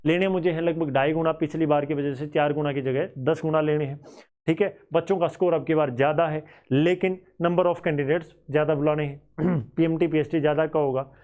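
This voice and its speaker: A man's voice: a little high, steady tone, fairly quick, a little mellow, highs cut off. A man with a Haryanvi-flavoured Hindi accent teaching students about exam cut-offs in a conversational, thinking-aloud way.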